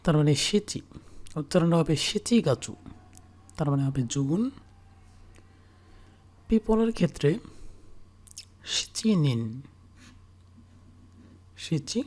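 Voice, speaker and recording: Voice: mid-range voice, darkish tone. A teacher giving a kanji writing lesson, repeating each reading several times while writing it out. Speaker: Japanese language teacher.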